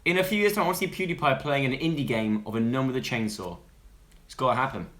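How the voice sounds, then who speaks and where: A young man co-hosting a jokey news chat, excitable and playful. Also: medium pitch, fast. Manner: excitable, jokey, reads viewer messages. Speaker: co-host. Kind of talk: casual comedic chat.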